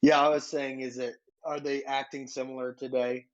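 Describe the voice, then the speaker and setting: A man's voice: mid-range voice, flat delivery, moderate pace. A man calling into a live stream over a laggy video call, speaking casually and asking short, hesitant questions. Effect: heard over a laggy video call. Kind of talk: casual chat. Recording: dull lo-fi video call audio.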